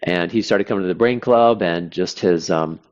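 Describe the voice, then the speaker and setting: A man co-hosting a podcast in casual chat, speaking in a rambling, halting way with many restarts. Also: sits low, darkish tone. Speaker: podcast co-host. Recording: dull, lo-fi sound.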